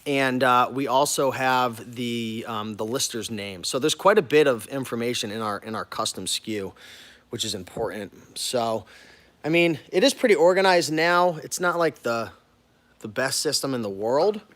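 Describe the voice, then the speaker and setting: A man's voice: medium pitch, expressive, normal speed, a bit bright. An American man talking informally and directly to viewers in a casual walk-through vlog, as a business owner showing his workplace. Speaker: online reseller and business owner hosting a warehouse tour.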